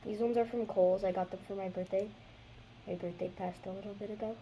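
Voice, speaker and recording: A woman hosting a casual craft how-to, chatty and rambling, with a slightly hoarse voice from losing it a little. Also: mid-range voice, fairly even intonation, fairly quick, lo-fi sound, a little hiss or hum. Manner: chatty, rambling, trails off mid-sentence. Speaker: craft video host.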